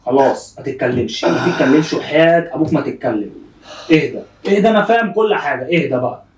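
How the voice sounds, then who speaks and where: Young egyptian man, rapid-fire talk, higher voice, pleading and apologetic, roomy sound from a distance. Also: animated. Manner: pleading, apologetic, repeats himself anxiously. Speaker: prankster vlogger. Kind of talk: casual prank vlog.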